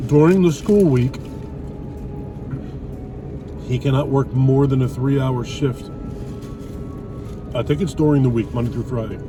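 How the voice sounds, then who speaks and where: A middle-aged man with a mid-range voice chats at a moderate pace with his wife over a meal, recorded for his vlog. Blunt and opinionated, he swears lightly. Music plays in the background, and the distant mic also catches loud traffic and car noise.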